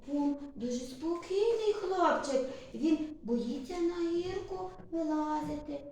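A woman's voice: high-pitched, slow, a little mellow, recorded from a distance, slight background noise. A woman telling a puppet-theater story to a small child, with sing-song, coaxing questions. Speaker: kindergarten teacher. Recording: very echoey room.

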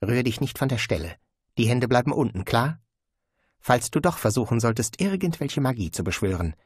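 A man voicing a scheming male grand vizier who speaks low and cool with quiet menace. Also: lively intonation, normal speed, husky, no echo, clean studio sound. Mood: menacing.

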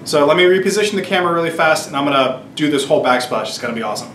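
A shop owner in his thirties talks through his shop renovation in a casual, upbeat how-to vlog, explaining each step. His voice is fairly high and expressive, and he speaks at a racing pace. Heavy background noise and roomy echo fill the low-ceilinged indoor workroom, captured by an on-camera mic at arm's length or on a stand.

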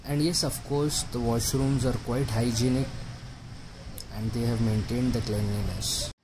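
A man narrating a vlog voice-over with excited, emphatic delivery. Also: mid-range voice, unhurried, noisy background. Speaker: vlogger.

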